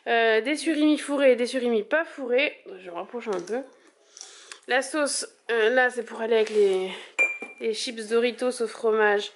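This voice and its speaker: A woman's voice: fairly high pitch, a little hiss or hum. A woman vlogging in a casual, chatty way, full of fillers and little restarts. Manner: chatty, filler-heavy, lots of "voilà". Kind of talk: casual vlog chat.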